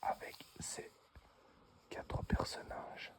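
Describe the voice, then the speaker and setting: A man presenting an unboxing in breathy, whispered ASMR, close as if right in your ear, in short halting phrases. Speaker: unboxing video host.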